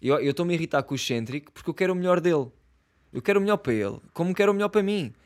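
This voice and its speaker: A man's voice: on the high side, animated, rapid-fire. A young man with a European Portuguese accent, ranting casually in slangy, swear-filled talk with lots of fillers. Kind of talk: casual rant.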